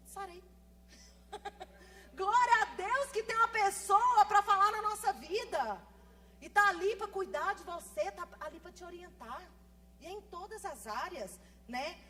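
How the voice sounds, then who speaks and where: A woman pastor in her thirties preaches with a bright, high voice, rushing through her points and then dropping into soft, confiding asides. She pushes her voice up loud for emphasis. A faint hum runs under the recording. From Brazil. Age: 30s. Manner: fast-talking, animated, swings from soft asides to loud emphasis. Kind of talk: sermon. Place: church.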